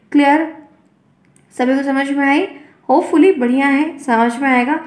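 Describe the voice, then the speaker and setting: Woman, teacher, exam-prep lesson, high voice, repeats example words, roomy echo. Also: darkish tone. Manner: explains by repeating example words and quizzing the class.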